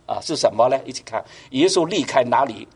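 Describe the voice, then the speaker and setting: A man's voice: medium pitch, expressive, brisk, gravelly, breathy edge. A man preaching a sermon, asking the congregation rhetorical questions and pushing his voice up for emphasis. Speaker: pastor.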